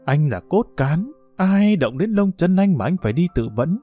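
A calm young village cadre speaks low and controlled, with a chill under his softness, as a male narrator reads his part. The sound is warm and dry. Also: normal speed, no echo, faint music behind. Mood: quiet, controlled. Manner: soft-spoken, controlled.

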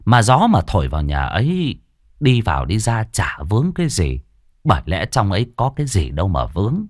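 A man narrating an audiobook story in an expressive, colloquial way. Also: fairly low pitch, dry recording, studio quality.

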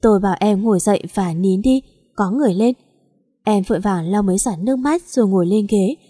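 A woman narrating a dramatic first-person audio story in a steady, somber way. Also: mid-range voice, fairly quick, slightly rough, in a large hall.

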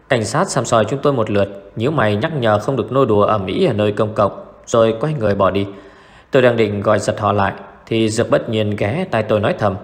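A man narrating a first-person mystery audiobook in a steady storytelling way. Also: lowish voice, in a large hall.

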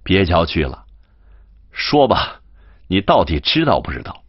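A man's voice: low voice, sing-song, measured pace, husky, dry recording, muffled recording, full character voice. A man playing a spoiled young rich master. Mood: bantering. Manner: bantering, mock-scolding.

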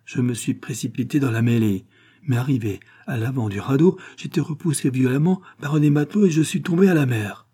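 A man's voice: medium pitch, brisk, dark tone, slightly rough. A man narrating a novel in the first person, in a tense, dramatic audiobook reading.

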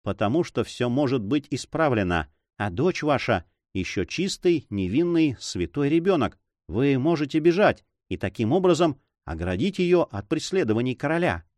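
A man reading a calm, cool priest. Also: medium pitch, normal speed, few pauses, no echo, studio quality, lightly acted. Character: calm, measured male priest, cool and composed. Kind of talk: audiobook character reading.

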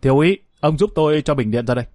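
A man's voice: fairly high pitch, expressive, very fast, darkish tone, dry recording, studio quality, close to an everyday voice. A man voicing a shrewd young male lieutenant who interrogates harshly. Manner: harsh, commanding.

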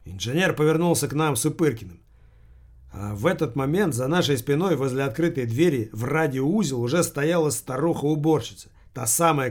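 A man reading a novel as an audiobook in a measured, deadpan way. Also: medium pitch. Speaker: audiobook narrator. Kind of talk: audiobook narration.

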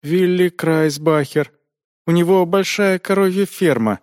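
A man's voice: high-pitched, unhurried, a little mellow, no echo, pitched above the performer's own voice. Scared ashamed village widow whimpering out answers, a guy putting her voice on, dry close sound. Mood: reluctant, ashamed. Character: frightened young village widow, shamefaced.

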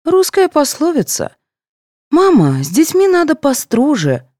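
A woman's voice: high-pitched, huge pitch swings, measured pace, warm tone, dry recording, studio quality, pitched above the performer's own voice, heavily acted. A woman voicing a blunt, preachy young boy who lectures the grown-ups in an audiobook. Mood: lecturing. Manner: lecturing, sneering.

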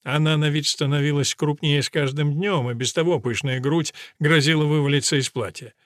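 A man reading an audiobook in a steady, even storytelling manner. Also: a little high, fairly quick, no echo, studio quality. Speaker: audiobook narrator. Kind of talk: scripted audiobook narration.

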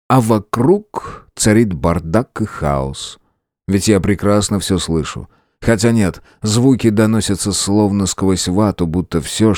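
A man narrating a first-person audiobook in an expressive, dramatic way. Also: fairly low pitch, no room sound, clean studio sound. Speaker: audiobook reader.

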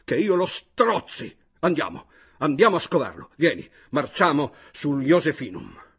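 A man voicing a hot-tempered, embittered male aristocrat who rants and shouts in an audiobook reading. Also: mid-range voice, lively intonation, normal speed, husky. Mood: furious shouting. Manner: shouting, explosive.

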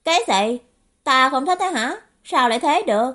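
A woman voicing a playful, mischievous young man in an audiobook, with bright teasing exclamations. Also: sits high, animated, normal speed, voice pushed up. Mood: cheeky excited. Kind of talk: audiobook character voice.

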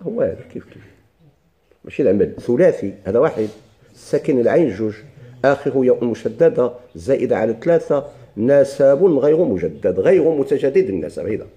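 A man with a Moroccan Arabic accent teaching a grammar lesson, repeating each word slowly for his students. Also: medium pitch, very animated, warm tone. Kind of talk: classroom lesson.

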